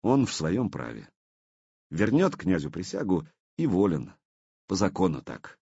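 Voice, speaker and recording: A man's voice: sits low, big pitch swings, measured pace, vocal fry, mellow, breathy edge, dry recording, highs cut off, full character voice. A man voicing a firm, principled young warrior in an audiobook. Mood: calm. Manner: firm, reproachful. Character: stern loyal young male warrior.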